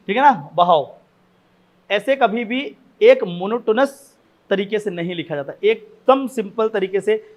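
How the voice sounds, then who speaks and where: Male essay tutor, high-pitched voice, chatty classroom lecture style, keeps checking that students follow, repeats key points, asks rhetorical questions. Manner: conversational, frequent "ठीक है ना" check-ins. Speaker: essay writing teacher.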